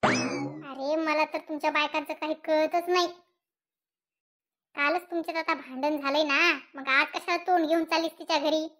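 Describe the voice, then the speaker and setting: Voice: high voice, fairly even intonation, moderate pace, pauses often, bright, forceful tone. A performer voicing a grumbling, exasperated middle-aged village husband in a cartoon comedy.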